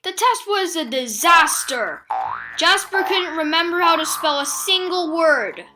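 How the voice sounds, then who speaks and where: A woman reading a spooky children's picture book aloud in a theatrical, suspenseful way with deliberate pauses. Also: very high-pitched, expressive, sharp tone, faint music behind. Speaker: children's storybook reader.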